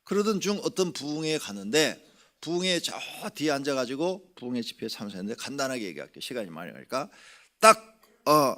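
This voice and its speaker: A man, a senior pastor, preaching a sermon and telling a story with animated swings from loud exclamations to whispers. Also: a little fast. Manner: animated storytelling, acting out quotes with big swings in pitch and loudness; drops to a whisper at tender moments. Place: church sanctuary.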